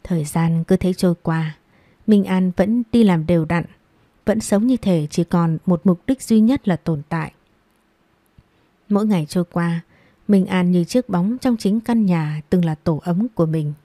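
A woman narrating a dramatic audiobook story in a measured storytelling manner, recorded close on a mic. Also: lowish voice, mellow, no echo.

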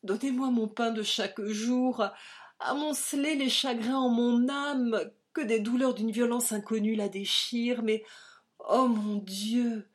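A woman's voice: lowish voice, a little slow, a little mellow, close to an everyday voice. A woman reading the part of a proud, passionate young man in love, in a fervent, pleading manner, for an audiobook. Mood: pleading prayer.

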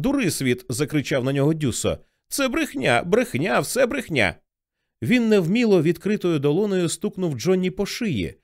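A man reading an audiobook aloud with expressive narration. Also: on the high side.

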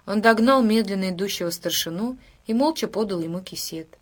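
A woman reading a story aloud in an even, measured narration. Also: mid-range voice. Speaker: audiobook narrator. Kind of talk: scripted narration.

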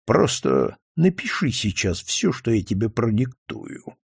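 A man voicing a calm, calculating doctor who speaks in a quiet, measured and deliberate way in an audiobook reading. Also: medium pitch, gravelly, slightly rough, dry recording, studio quality, full character voice. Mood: cold taunting. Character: cold calculating male doctor, calm and scornful.

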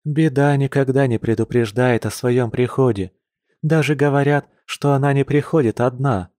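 A man voicing an anxious, tender young woman who is a bear shapeshifter, speaking softly with sighs. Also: mid-range voice, moderate pace, no room sound, clean studio sound, pitched above the performer's own voice, lightly acted. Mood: worried.

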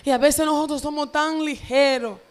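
A woman's voice: sits high, steady tone, normal speed, faint music behind. A woman pastor, preaching a fervent sermon in a church with repetitive phrasing. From Dominican Republic.

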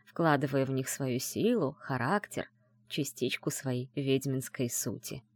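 A woman narrating a first-person fantasy audiobook in an expressive storytelling manner. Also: deep voice, dry recording, studio quality.

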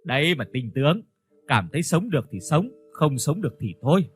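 A man voicing a gruff, bossy old village chief who talks bluntly and coarsely, over soft instrumental music. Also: fairly high pitch, big pitch swings, fairly quick, heavily acted. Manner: blunt, scolding, coarse familiar speech.

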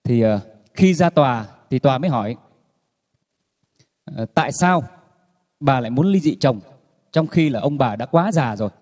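A man telling jokes to an audience in a relaxed storytelling way, with many fillers. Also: medium pitch, moderate pace, long pauses, long reverb tail. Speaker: joke teller.

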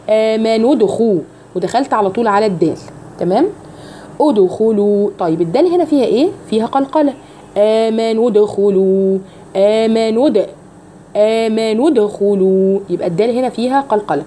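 A woman with an Egyptian accent teaching a religious lesson on Quran recitation, explaining step by step with rhetorical questions and slowly demonstrating each phrase. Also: mid-range voice, mellow, slight background noise. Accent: Egyptian Arabic.

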